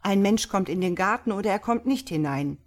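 A woman voicing an impatient, sharp-minded male doctor who questions forcefully in a read-aloud story. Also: medium pitch, lively intonation, natural voice. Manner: forceful, sharp, quick to anger.

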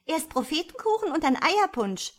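A woman voicing a cheeky little girl who teases her brother in shrill tones. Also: big pitch swings, normal speed, fairly bright tone, heavily acted. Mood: shrill teasing. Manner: shrill, teasing. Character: little girl, cheeky teasing youngest sister.

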